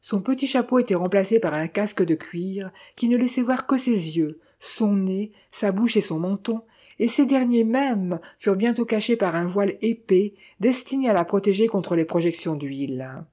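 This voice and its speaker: A woman narrating a novel in a measured, even reading style. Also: mid-range voice.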